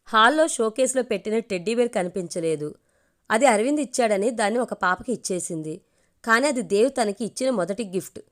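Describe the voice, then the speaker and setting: A woman storyteller reading a romantic family story aloud in a steady, even manner. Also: fairly high pitch, fairly quick.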